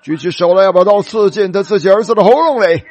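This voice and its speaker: A man preaching a sermon, telling a story dramatically and slowing down for emphasis. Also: high voice, a little mellow, no room sound, highs cut off.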